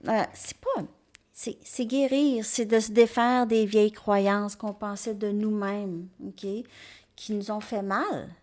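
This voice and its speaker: Slow-talking Québécoise tarot reader. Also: female voice, mid-range voice, steady tone, a little mellow. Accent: Québécois French. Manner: rambling, repeats "ok?" and "hein", many restarts. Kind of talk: casual spiritual talk to viewers.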